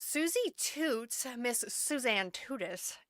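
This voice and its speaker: Chatty woman host for a casual recap, bright and dry. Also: a little high, lively intonation, slow pace, no echo. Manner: chatty, laughs often. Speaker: podcast host.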